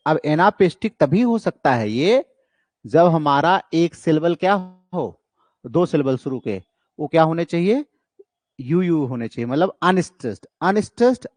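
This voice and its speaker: An Indian man leads an online exam-prep lecture, his voice sitting a little high for a man. He poses questions and answers them himself, chanting patterns aloud as he goes. The recording is close and dry, with no room sound. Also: no echo. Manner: explains step by step, asks and answers his own questions. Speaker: literature teacher.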